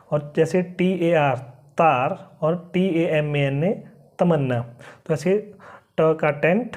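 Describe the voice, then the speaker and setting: A teacher leads a beginner's spelling and pronunciation lesson, reading out each word letter by letter before saying it slowly. The delivery is patient and repetitive. The voice is mellow and warm, at a middle pitch. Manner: spells words letter by letter, then says them slowly. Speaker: English teacher.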